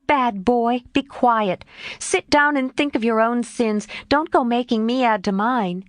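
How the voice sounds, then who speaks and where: A woman reading an audiobook voicing a spirited, tomboyish teenage girl, earnest and lively. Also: on the high side, a little slow, dry recording, clean studio sound, voice pushed up, close to an everyday voice.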